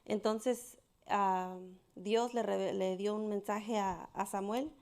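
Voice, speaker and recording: A woman telling a Bible story to children at a church service, in a gentle, simple way with halting restarts. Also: mid-range voice, fairly even intonation, gravelly. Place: church sanctuary.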